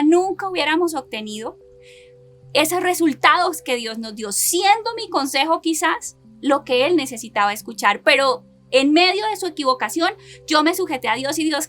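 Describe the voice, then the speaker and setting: A woman's voice: high-pitched, fairly bright tone. A woman preaching a sermon and sharing a personal testimony, earnestly putting rhetorical questions to her listeners and building her points in repeated lists.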